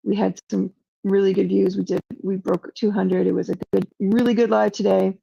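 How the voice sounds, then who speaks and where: A woman's voice: medium pitch, little pitch movement, moderate pace, creaky, dark tone, slightly rough, no room sound, dull audio. A woman streamer in casual livestream talk to her chat, rambling and emotional, full of self-doubt and "like" fillers. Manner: frequent "like" fillers.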